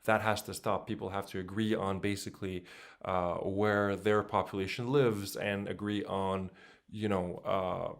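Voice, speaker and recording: A man's voice: sits low, fairly even intonation, measured pace, creaky. A man addressing a conference panel, speaking hesitantly with many fillers and restarts. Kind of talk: prepared remarks to a panel.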